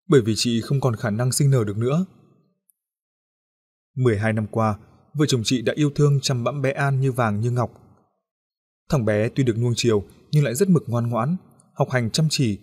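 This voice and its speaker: A man reading out an emotional story in a steady, earnest narrating voice. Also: mid-range voice, breathy edge.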